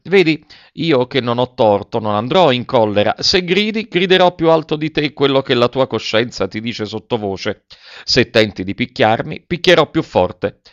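A man's voice: medium pitch, no room sound, lo-fi sound, close to an everyday voice. A man voicing a stern, cold man who reproaches his friend firmly. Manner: firm, reproachful.

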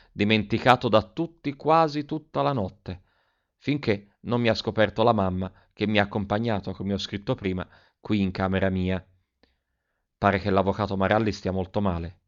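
A man reads a first-person story aloud in a fairly low voice, leaning expressively into the telling. The recording sounds dull and lo-fi, with the top end muffled. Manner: expressive, acting out quoted lines. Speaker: audiobook narrator.

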